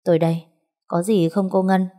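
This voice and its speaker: A woman's voice: lowish voice, level tone, moderate pace, mellow, lightly acted. A woman voicing a timid middle-aged woman who speaks nervously and pleads. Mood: fearful.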